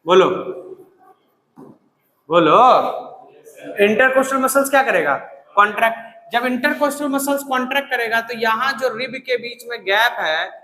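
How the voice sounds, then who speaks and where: Guy teaching class, really high bright voice, pushes kids to answer, scolds a bit, super echoey room. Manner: dictates slowly and keeps prompting students to answer; scolds students bluntly. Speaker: biology teacher. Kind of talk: classroom lecture. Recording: echoey classroom with long reverb.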